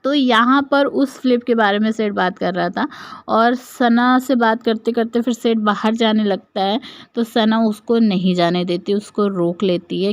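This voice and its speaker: A woman's voice: mid-range voice, no echo. A woman giving a casual narrated recap, retelling scenes and quoting lines with frequent fillers.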